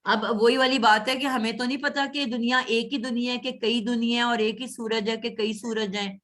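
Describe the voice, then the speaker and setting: A woman's voice: a little high, steady tone, fairly bright tone. A woman teaching Arabic grammar in an online class, patiently correcting a student's pronunciation. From Pakistan. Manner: patient, corrective, repeats sounds slowly.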